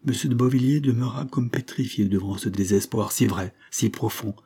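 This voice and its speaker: A man narrating a historical novella in a steady literary reading. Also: medium pitch, moderate pace, breathy edge.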